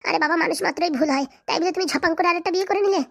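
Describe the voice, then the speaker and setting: Jilted cartoon wife, voiced by a woman, young, high, very fast, insistent, complaining. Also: vocal fry, fairly bright tone, full character voice. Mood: aggrieved.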